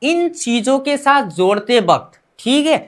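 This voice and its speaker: Lady teacher going over korean grammar real slow, repeats every example, keeps asking "what do we say?". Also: high voice, very animated. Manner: repeats example phrases slowly and quizzes the learner. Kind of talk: explaining grammar step by step.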